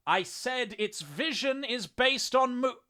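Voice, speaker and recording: A man voicing a stern armored super-soldier who shouts warnings with authority. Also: very high voice, lively intonation, slow pace, pitched above the performer's own voice, full character voice. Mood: commanding.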